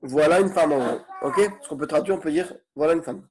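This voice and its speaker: A man's voice: fairly high pitch, a little fast, a little hiss or hum. Patient man teaching a grammar lesson. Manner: patient, keeps checking with "ok?". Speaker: Arabic teacher.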